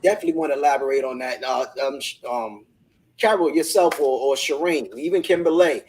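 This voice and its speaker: A man's voice: medium pitch, a little fast, darkish tone, a little hiss or hum, low-quality recording. A man hosting a live online business discussion, talking in an enthusiastic, motivational way and often repeating words as he starts a thought. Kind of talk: casual group discussion.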